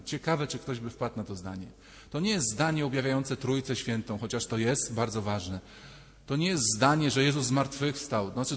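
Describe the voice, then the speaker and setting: Man preaching in a reverberant church. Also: mid-range voice. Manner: conversational, acting out quoted voices. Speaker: priest. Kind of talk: sermon.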